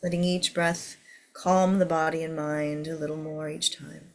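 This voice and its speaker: A woman with a fairly low voice leads a guided meditation as the teacher. She speaks very slowly and gently, giving soothing instructions to a seated group. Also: little pitch movement.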